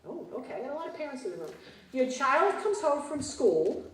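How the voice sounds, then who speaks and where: A woman in her fifties giving a motivational keynote to a conference audience, animated and prompting the crowd with frequent questions. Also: high voice, a little fast, a little hiss or hum. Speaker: keynote speaker. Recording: roomy hall, distant mic.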